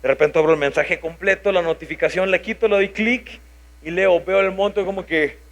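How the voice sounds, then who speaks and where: A brisk, high-voiced man in his thirties, Mexican Spanish accent evident, shares a personal story from the pulpit. He animatedly plays out the thoughts running through his head.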